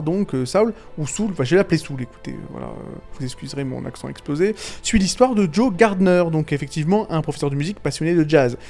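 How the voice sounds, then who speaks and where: A man giving casual, rambling video commentary on animated films, full of fillers, restarts, slang and chuckles. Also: on the high side. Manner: slangy and irreverent. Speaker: YouTube film commentator.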